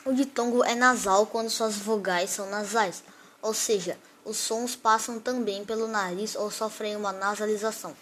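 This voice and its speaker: A woman at a middle pitch reads out a grammar lesson, pausing after each example word as she works through her lists. A faint hiss sits under her voice. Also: fairly even intonation, fairly bright tone. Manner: reads definitions and word lists slowly, one example at a time. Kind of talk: read-aloud grammar lesson.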